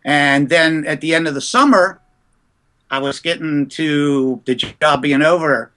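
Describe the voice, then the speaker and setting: In a relaxed storytelling interview, a ventriloquist from the US East Coast recalls how he got his start in show business. His voice is bright and forceful, pitched a little higher than most men's, and he tells his lively anecdotes without hurrying.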